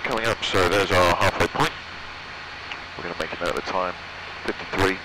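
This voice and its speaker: Speaking low and steady at a fairly quick clip, a young British man runs through brief flight checks under his breath while training as a pilot. He's in the open-sided cockpit of a small microlight in the air, recorded through an aviation headset with the aircraft engine roaring loudly.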